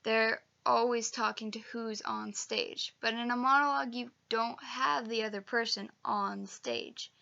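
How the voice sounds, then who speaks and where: Young woman, acting coach type, chatty and emphatic, slightly high, bright voice. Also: steady tone, a little slow, creaky, few pauses, dull audio. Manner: chatty, emphatic, with fillers and self-corrections. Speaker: acting teacher. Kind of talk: casual instructional video.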